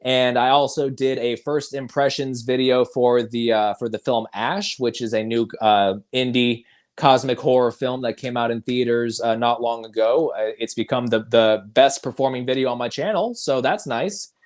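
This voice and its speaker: A man's voice: medium pitch, fairly even intonation, moderate pace, hardly any pauses. A man hosting a casual livestream movie chat, rambling with frequent chuckles. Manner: rambling, laughing often. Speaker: host.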